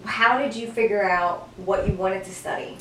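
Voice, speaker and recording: A woman's voice: medium pitch, normal speed, slight background noise. A woman in her forties from Mississippi, hosting a casual chat and telling stories with many restarts. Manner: lively storyteller, many restarts. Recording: roomy distant mic.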